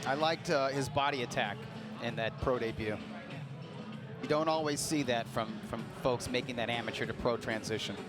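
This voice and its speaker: A man co-commentating on live boxing in measured, hesitant phrases. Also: mid-range voice. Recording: loud music behind commentary.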